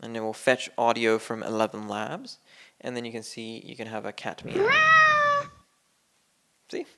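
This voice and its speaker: A coding instructor rambles through a casual screen-share tutorial at his computer, filling gaps with plenty of fillers. He speaks with a fairly low pitch and vocal fry at a moderate pace, his tone a bit bright.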